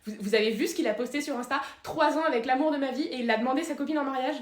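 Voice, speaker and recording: A woman performing comedic sketch monologues, self-assured and deadpan. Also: sits high, very fast, roomy sound. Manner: deadpan, self-assured, playing several characters.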